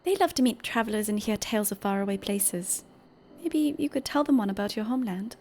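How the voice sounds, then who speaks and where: A woman's voice: mid-range voice, lively intonation, fairly quick, a little mellow. A woman voicing a sweet, trusting young village girl from a video game, childlike and earnest. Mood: eager. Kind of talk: reading video game dialogue.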